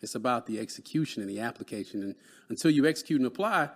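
Animated and quick, with a slightly rough mid-range voice, a Dallas, Texas guest in his late thirties gives an earnest, motivational take on mentoring. During the conversational interview he frequently tacks "man" onto his lines.

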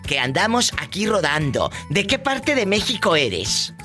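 A man's voice: sits high, wildly swooping pitch, measured pace, pushed and bright. A man from Tamaulipas, hosting a live radio call-in show in a flamboyant, teasing, campy way. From Tamaulipas, Mexico. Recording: music playing behind.

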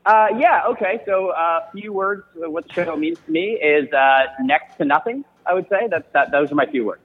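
A man calling in on a phone from a subway station, his voice echoing as if in a tunnel, teasing in a dry deadpan way. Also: fairly high pitch, moderate pace. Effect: phone call echoing from a subway tunnel. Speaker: phone-in guest. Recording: muffled lo-fi phone line.

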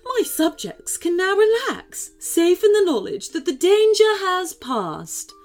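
A woman's voice: extremely high pitch, very animated, a little slow, darkish tone, faint music behind, pitched above the performer's own voice, full character voice. A woman voicing a gracious, regal marshmallow queen in a storybook reading, speaking in a grand, courteous way.

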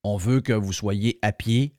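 Speaking a little slowly in a warm, fairly low voice, a Québécois-accented man hosts a radio show, talking colloquially and emphatically to his listeners. He offers an opinionated monologue and sponsor reads, recorded at studio quality with no room sound.

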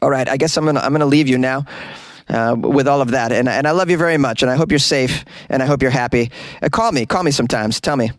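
A man hosting a podcast in a casual, rambling way, halting and wry as he addresses his listeners. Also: medium pitch, dry recording, clean studio sound. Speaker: podcast host. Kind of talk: casual solo podcast chat.

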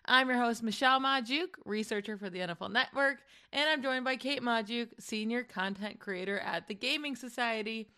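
Bright, slightly hoarse woman host. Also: fairly high pitch. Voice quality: chatty, quick, many "like" fillers. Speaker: podcast host. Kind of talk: casual chat.

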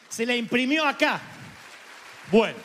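High-voiced Argentine preacher in a reverberant hall. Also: male voice, slow pace, a little hiss or hum. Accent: Argentine Spanish. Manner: animated, imitates voices and goose honks for humor. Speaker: pastor. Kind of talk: sermon.

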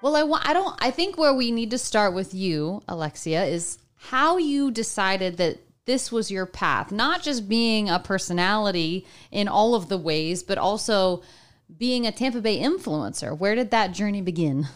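A woman's voice: medium pitch, lively intonation, moderate pace. A woman co-hosting a podcast, upbeat and giggly in casual chat. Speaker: podcast co-host. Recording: music bed under the voice.

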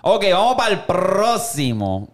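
A man hosting a podcast in profane, excitable banter. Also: high voice, measured pace. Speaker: podcast host. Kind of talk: casual chat.

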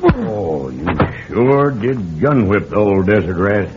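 A man's voice: on the low side, sing-song, takes it slowly. An actor playing a wary, eager outlaw henchman with folksy wording in an old western radio drama. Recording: muffled, noisy vintage radio recording.

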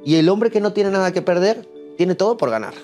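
A young man with a Madrid accent tells his story in earnest, restarting phrases as he goes. His voice sits fairly high. Soft music plays faintly under the conversation. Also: expressive, a little fast. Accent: Madrid Spanish. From Spain. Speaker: dating coach guest. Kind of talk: interview conversation.

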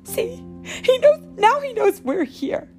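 A woman voicing a strict, proper male monster teacher who gives loud, precise commands, with music playing behind. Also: very high-pitched, big pitch swings, slow, voice pushed up, full character voice. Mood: scolding.

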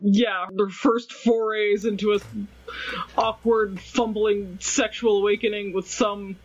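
A man's voice: sits high, level tone, slow pace, crowd noise. A man co-hosting a podcast in casual chat, rambling and sarcastic. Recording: slightly dull lo-fi recording.

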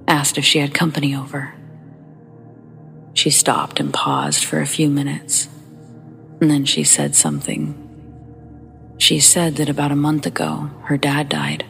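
A woman hosting a show of listener ghost stories, reading them in a hushed, partly whispered storytelling voice with faint music behind her. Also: deep voice, creaky. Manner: soft, partly whispered delivery.

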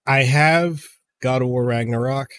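A man in his thirties, a game reviewer guesting on a podcast, talking in an excitable way and often stumbling over repeated words. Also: medium pitch, unhurried. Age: 30s. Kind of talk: casual podcast chat.

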